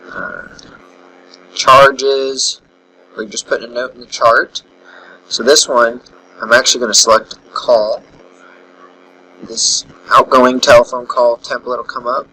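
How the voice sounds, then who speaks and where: A man teaching software narrates a step-by-step screen demonstration in a relaxed way, voicing his thoughts as he goes. His voice is mid-range, and the audio is poor and bright with slight background noise.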